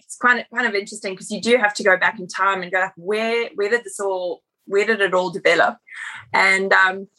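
A South African woman whose accent blends South African and Australian appears as a podcast guest; she's a personal trainer, chatting easily and laughing at herself in a casual interview. Her medium-pitched voice is fairly quick, bright, and forceful, with fairly even intonation, on a low-quality recording.

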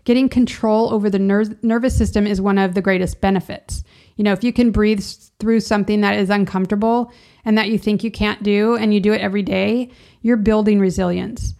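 Woman, low-to-middle everyday pitch, heavy vocal fry, informal vlog talk, chatty, rambling delivery. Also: fairly even intonation, fairly quick, warm tone. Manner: chatty, rambling, self-interrupting. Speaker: vlogger sharing personal experience. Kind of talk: casual informal monologue.

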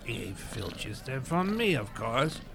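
Guy doing a fussy french head waiter, snooty, slow drawl. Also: mid-range voice, sing-song, gravelly, background noise, heavily acted. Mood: haughty. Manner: fussy put-on French accent, prim refusals.

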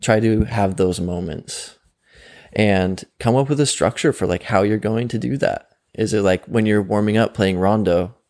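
With a fairly low, darkish voice at a moderate pace, a young mental performance coach talks comfortably in a conversational interview. He laughs often and peppers his speech with "like" and "um."

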